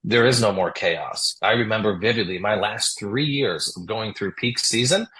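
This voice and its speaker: A man with a low but bright, forceful voice talks emphatically on a podcast. He speaks plainly and directly. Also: normal speed, poor audio.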